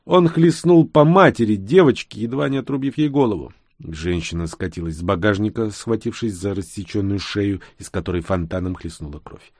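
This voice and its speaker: A man narrating a post-apocalyptic audiobook in a steady, dramatic reading style. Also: lowish voice, normal speed, no room sound, clean studio sound. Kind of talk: scripted narration.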